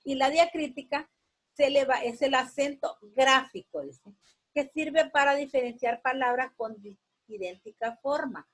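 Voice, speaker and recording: A woman teacher giving a slow, explanatory grammar lesson, repeating words and checking in with her students. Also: sits high.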